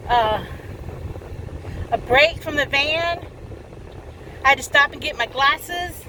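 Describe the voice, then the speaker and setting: Chatty middle-aged woman over loud road noise. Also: sits high. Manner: chatty, rambling, folksy. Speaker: vlogger. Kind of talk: casual vlog chat. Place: in a car and beside a van. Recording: loud vehicle and street noise.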